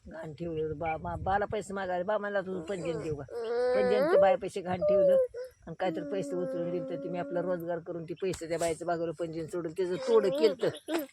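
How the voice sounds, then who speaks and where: A woman's voice: fairly low pitch, sing-song, a little fast, noisy background. A woman, reminiscing in casual chat outdoors in the shade, insistent and earthy. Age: 80s. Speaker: grandmother. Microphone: phone camera.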